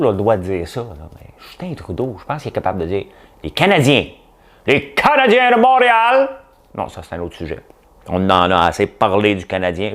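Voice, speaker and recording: A man with a Québécois accent hosts a casual news commentary show in a deep, low-pitched voice. He rambles and jokes through the news and leans on plenty of fillers as he goes. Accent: Québécois French. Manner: rambling and jokey, heavy on fillers.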